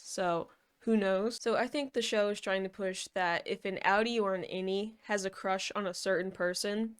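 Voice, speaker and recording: Casual female vlogger: smooth, clear, mid-pitched, rambling and informal, hedging as she goes. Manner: informal, hedging, thinking aloud. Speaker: video reviewer.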